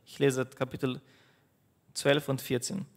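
A pastor whose native language is Portuguese preaches in a monotone, mid-range voice that trails a long reverb. He hesitates often, restarting his phrases with fillers along the way.

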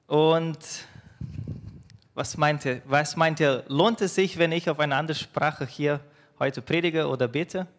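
A man preaches a sermon as pastor in a fairly high, slightly bright voice, with Portuguese as his native tongue. The room sounds big, and his speech is halting, with many fillers and restarted phrases.

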